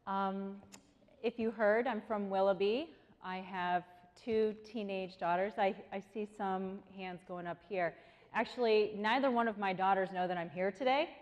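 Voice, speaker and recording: A Korean woman in her forties, appearing as a guest speaker, gives a chatty motivational talk to students in a large hall and often puts questions to the audience. Her mid-range voice moves at a normal speed, and the audio sounds dull with long hall reverb.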